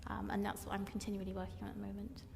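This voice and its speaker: A woman on a legal panel explaining how her firm works, in a measured and practical way. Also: mid-range voice, completely flat delivery, gravelly, a little mellow, a little hiss or hum. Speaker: panelist, law firm staff. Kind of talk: panel discussion. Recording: reverberant hall with faint ambience.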